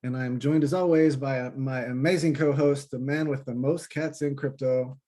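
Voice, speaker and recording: An upbeat man hosts a podcast in a casual, friendly chat. His voice sits at an ordinary middle pitch, with nothing unusual about its tone. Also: fairly even intonation, moderate pace, mellow. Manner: upbeat, enthusiastic. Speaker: podcast host.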